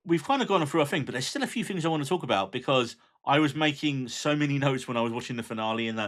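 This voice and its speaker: A man co-hosting a podcast, with a bright, forward voice. His pitch swings widely as he chats eagerly, working through a list of notes. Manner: enthusiastic, reads out notes and lines. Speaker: podcast co-host. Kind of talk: casual chat.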